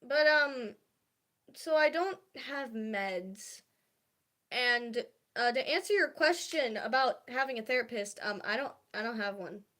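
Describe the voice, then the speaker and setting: A young woman chats on her livestream in a slow, slightly high voice. She talks hesitantly, full of fillers and restarts, confiding softly about how she feels. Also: expressive. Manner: confiding and soft-spoken about feelings. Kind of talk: casual livestream chat.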